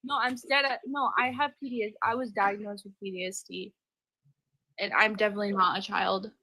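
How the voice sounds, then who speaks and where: A woman's voice: mid-range voice, steady tone, fairly quick, pushed and bright. A young woman in her early twenties from Colorado, a hesitant, nervous caller in a casual chat. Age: 20s.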